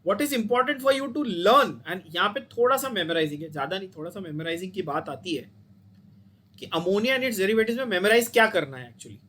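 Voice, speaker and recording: A man's voice: high voice, expressive, normal speed, sharp tone. A man with an Indian accent teaching chemistry to a class, explaining step by step and checking in with students often. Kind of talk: classroom lecture.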